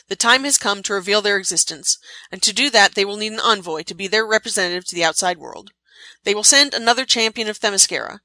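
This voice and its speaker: A woman narrates a scripted story recap with a bright, forward tone. The recording is close and dry, with no room sound around her. She tells it in a measured, expressive way. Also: mid-range voice, no room sound. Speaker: podcast host.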